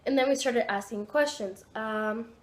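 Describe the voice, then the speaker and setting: Excitable young woman with a high voice. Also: a little slow. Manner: rambling and excitable, many fillers and restarts. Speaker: vlogger. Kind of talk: casual storytime vlog. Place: home kitchen.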